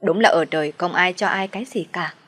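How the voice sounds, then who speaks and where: A woman telling a dramatic story in the first person, with a bitter, indignant edge. Her voice sits low and comes out husky. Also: a little fast, a bit bright.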